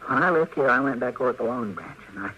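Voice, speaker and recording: Chester, bright-voiced folksy western deputy. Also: male voice, mid-range voice, expressive, rapid-fire, rough recording. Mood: urgent. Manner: folksy, plain-spoken. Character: loyal, folksy, stubborn deputy scheming to protect his friend. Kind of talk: old-time radio western acting. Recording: old radio recording with background hiss.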